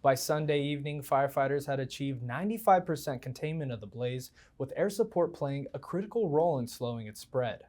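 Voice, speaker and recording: A man's voice: a little high, a little mellow. A man reading scripted news stories as an anchor.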